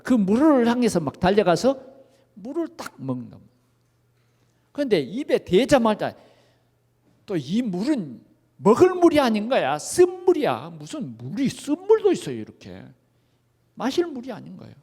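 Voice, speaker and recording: A male pastor with a high voice preaches with lively rises and falls, often putting questions to the congregation. His voice rings out through a spacious, echoing church sanctuary. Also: moderate pace, long pauses, slightly rough. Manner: animated, asks the congregation questions. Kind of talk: sermon. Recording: echoey church hall.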